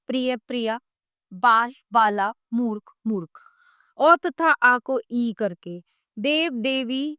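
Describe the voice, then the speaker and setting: A woman narrating a grammar textbook in a slow, measured reading, listing example words one at a time. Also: a little high, a bit bright, clean tone, no room sound, clean studio sound. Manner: reads word lists one by one, measured.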